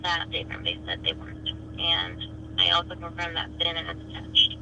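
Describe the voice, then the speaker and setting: A man's voice: a little high, sing-song, moderate pace, lo-fi sound. A man working as a police dispatcher, heard over police radio, giving clipped radio codes. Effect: police radio transmission. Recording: noisy scanner radio audio.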